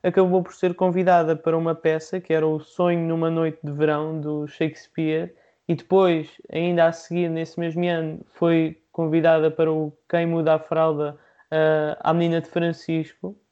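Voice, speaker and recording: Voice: medium pitch, flat delivery, dark tone. Formal interviewer, dull lo-fi sound. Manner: formal, measured questions. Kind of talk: interview questions.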